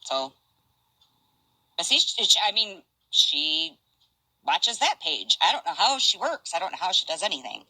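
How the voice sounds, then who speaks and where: An older woman casually chatting on a stream, reading out messages in a halting, rambling way. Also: lowish voice, big pitch swings, sharp tone, dry recording, rough recording. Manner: rambling, halting, restarts and asides.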